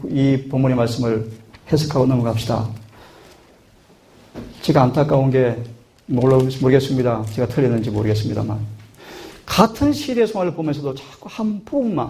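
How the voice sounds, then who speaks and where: A man's voice: mid-range voice, animated, brisk, dark tone. A man preaching a sermon in an earnest manner, often putting questions to his listeners. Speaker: pastor.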